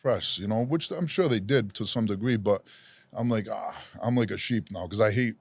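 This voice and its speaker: A podcast guest from Rhode Island, USA, tells a long personal story in a casual, animated way, poking fun at himself and doing the voices of the people involved. His voice is fairly low and his pace fairly quick, with no room sound.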